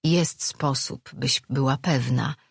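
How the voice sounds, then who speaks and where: A calm, secretive man in a fantasy audiobook, as the narrator voices him. He speaks low, quiet and measured. The voice is husky and sounds close and dry. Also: no room sound, full character voice. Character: man hiding his true self, calm and guarded. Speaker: character in an audiobook. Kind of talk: audiobook character reading.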